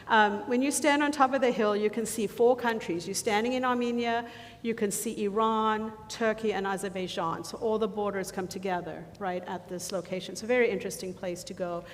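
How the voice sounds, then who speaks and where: A woman with a medium-pitched, fairly even, fairly quick voice presents a mission trip slideshow to a church congregation in the sanctuary. She is chatty and full of ums, often losing her thread and starting over. Using a handheld or lapel mic, the recording carries the reverb of the church hall and faint noise.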